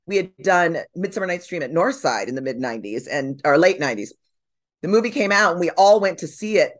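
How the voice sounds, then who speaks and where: A woman on a podcast as a guest and dramaturg, telling lively stories about stage and film. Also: lowish voice, fairly quick. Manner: animated storyteller, acts out quotes. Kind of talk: casual chat.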